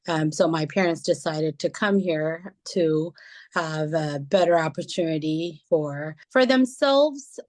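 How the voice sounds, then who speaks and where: Reflective Ethiopian-born woman in her forties. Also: fairly low pitch. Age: 40s. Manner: thoughtful, many filler pauses. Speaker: interviewee. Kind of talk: personal story interview.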